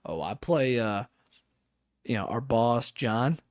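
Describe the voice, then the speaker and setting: A young man in his twenties co-hosting a podcast, rambling excitedly about football with plenty of swearing. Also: medium pitch, slow pace, no room sound, clean studio sound. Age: 20s. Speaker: podcast co-host. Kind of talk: casual chat.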